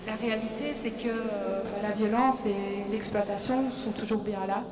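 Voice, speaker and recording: A woman's voice: medium pitch, fairly even intonation, normal speed, a crowd in the background. A woman giving an earnest statement, with hesitations. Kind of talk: spoken statement. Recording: echoey hall from far off, noise.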